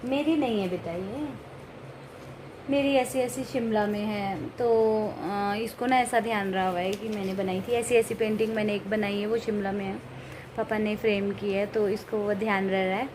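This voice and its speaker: Woman, Himachali accent, casual vlog narration, chatty, speaks to viewers, middle pitch. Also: fairly even intonation, moderate pace, noisy background. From Himachal Pradesh, India. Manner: chatty, talks straight to viewers. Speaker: vlogger.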